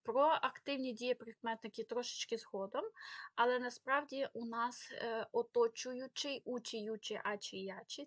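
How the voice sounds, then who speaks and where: Woman, language teacher, explanatory, higher voice, dry recording. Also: no room sound. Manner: explanatory, stresses example words. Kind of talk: spelling lesson.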